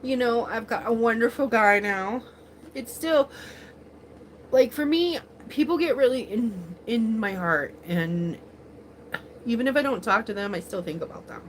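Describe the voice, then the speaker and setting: A woman's voice: fairly high pitch, unhurried, slight background noise. A woman in her forties chatting casually on a livestream, rambling with many fillers, laughing often and speaking with open emotion. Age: 40s. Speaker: livestream host.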